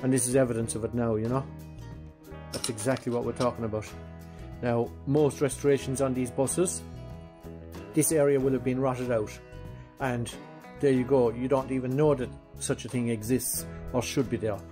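With music in the background, a restoration vlogger speaks in a mid-range voice at moderate pace. He casually narrates a how-to in his garage workshop, relaxed and thinking out loud, calling everyone "guys."

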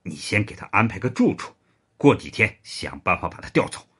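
A man doing a gruff, stern spy chief. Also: very animated, a little fast, full character voice. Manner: low, gruff, quiet and clipped. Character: stern, curt male spy chief, middle-aged.

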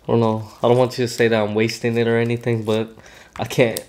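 A man's voice: medium pitch, completely flat delivery, quick pace, darkish tone. A man hosting an eating video, chatting casually and a bit squeamish as he picks at his food. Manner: chatty and squeamish, talking between bites. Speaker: mukbang host. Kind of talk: casual talk while eating on camera.

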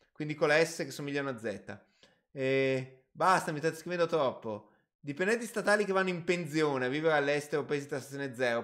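A man hosting a casual live stream about personal finance, reading viewer questions aloud and answering off the cuff with hedges and asides. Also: a little high. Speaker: finance channel host.

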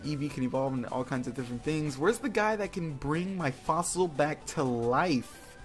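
A gaming video host speaks at a moderate pace in an expressive, higher-pitched voice. Video game music sits behind him as he plays casually, rambling, exclaiming and making fun of himself.

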